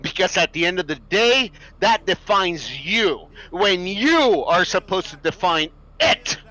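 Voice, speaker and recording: A man's voice: sits high, big pitch swings, unhurried, bright, forceful tone, low-quality recording. A man in his thirties ranting to his stream viewers in a preachy, profane and emphatic way. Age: 30s. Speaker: livestreamer. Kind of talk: impassioned rant to stream viewers.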